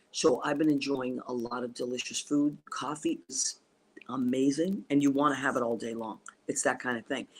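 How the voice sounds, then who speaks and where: An extremely low, darkish voice belongs to a woman whose first language is Italian. She's hosting a casual talk show livestream over video call from abroad on a trip, enthusiastically rambling with many fillers and restarts.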